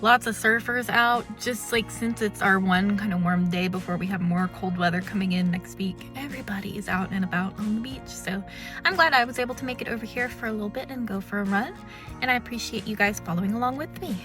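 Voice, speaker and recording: A woman's voice: mid-range voice, fairly quick, music in the background. An American woman vlogger chatting casually and informally to her viewers. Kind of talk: casual chat to camera.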